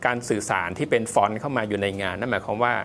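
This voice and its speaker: A man's voice: on the low side, very fast, fairly bright tone, slight background noise. A man, a font designer guest, giving polite, step-by-step explanatory answers in an interview, with loose casual fillers.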